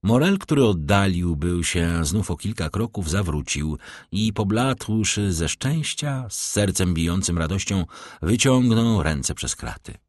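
A man narrating a classic novel as an audiobook in an expressive, declamatory way. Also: sits low, unhurried, no echo, clean studio sound.

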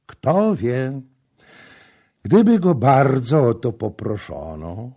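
A man's voice: medium pitch, expressive, takes it slowly, creaky, dark tone, voice pushed up, heavily acted. A man reading as an ardent young prince. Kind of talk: audiobook character reading.

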